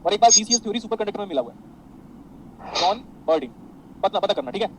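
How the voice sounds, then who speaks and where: A man teaching a classroom lecture, animated, mixing explanations with anecdotes for his students. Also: high-pitched, fast, a little hiss or hum, rough recording. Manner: animated, addresses students as beta, tells anecdotes.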